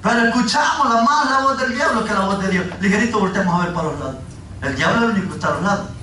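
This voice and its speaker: Pentecostal-style pastor man, fervent shouty sermon, big church echo, faint room noise. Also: high-pitched, expressive, very fast. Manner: fervent preaching, often shouting. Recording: echoey church hall, from far off.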